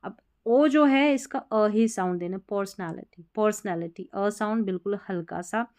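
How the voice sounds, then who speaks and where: A woman's voice: medium pitch, expressive, moderate pace, a little mellow. A woman teaching English spelling and reading, spelling words out letter by letter, then explaining their meanings.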